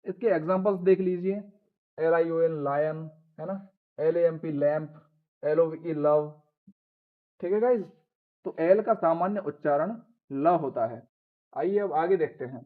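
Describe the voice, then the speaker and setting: A man's voice: a little high, unhurried. Man teaching pronunciation on a tinny line. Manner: explains step by step, repeating rules and spelling out letters; addresses viewers as "guys". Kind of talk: Hindi classroom-style lesson. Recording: tinny phone-like sound.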